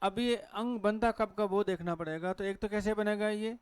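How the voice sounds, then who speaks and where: A man with a Hindi accent teaches a class at a board, his voice high and crisp. He keeps asking questions and then answering them himself. The recording is dry and close. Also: steady tone, normal speed, no echo. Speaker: English teacher. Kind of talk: classroom lecture on pronunciation.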